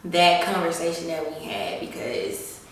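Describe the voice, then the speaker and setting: Giggling and chatty, a twenty-something woman answers follower questions next to her partner, with "y'all" sprinkled in. Her low-leaning voice is animated yet unhurried. The mic is far off in an echoey room, with a little hiss or hum.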